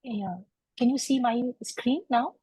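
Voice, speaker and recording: A woman, a clinical geneticist giving a measured, explanatory medical lecture over a video call. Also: fairly high pitch, mellow, breathy edge, dry recording. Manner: measured, explanatory, with frequent uh fillers. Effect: heard over a video call. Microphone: computer mic on a video call.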